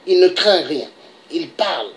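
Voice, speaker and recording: A woman's voice: fairly low pitch, animated, measured pace. A woman from DR Congo giving an impassioned political monologue, pressing her points and often tagging them with a rhetorical "hein?". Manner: emphatic, repeats "hein?" for emphasis. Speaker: political commentator.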